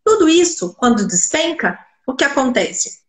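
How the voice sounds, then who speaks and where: Her voice is high, swinging widely in pitch at normal speed, with faint music behind. The woman, a speech therapist stuffed up with a cold, explains things in an interview by raising rhetorical questions and answering them, in an echoey, roomy space.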